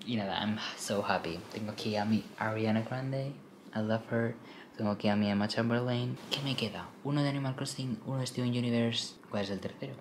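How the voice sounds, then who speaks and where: A man's voice: medium pitch, fairly quick, noisy background. A young man, vlogging casually to camera, chatty and self-mocking, dropping in English phrases. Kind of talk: casual vlog chat to camera. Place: at home. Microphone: compact camera mic.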